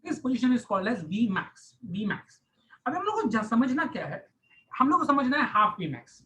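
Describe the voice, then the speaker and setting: A man's voice: extremely high pitch, big pitch swings, slow pace, bright, forceful tone, low-quality recording. A man teaching a science class, explaining step by step, repeating key phrases and mixing English terms into his Hindi. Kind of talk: online class lecture.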